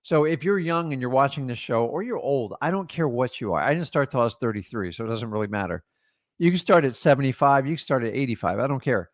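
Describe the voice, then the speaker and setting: A middle-aged man coaches on real estate deals in an energetic, emphatic, motivational, and direct way. His medium-pitched voice is animated and quick, captured in a dry recording with clean studio sound.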